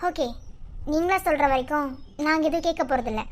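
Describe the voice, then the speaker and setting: A woman's voice: high-pitched, fairly quick, lightly acted. A woman voicing a stern elder sister in a cartoon, lecturing insistently in a Madurai Tamil accent. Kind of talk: cartoon voice acting.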